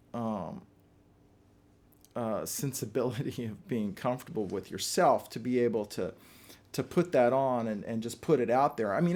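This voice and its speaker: A man's voice: mid-range voice, darkish tone. Earnest man reflecting in an interview. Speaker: documentary interviewee.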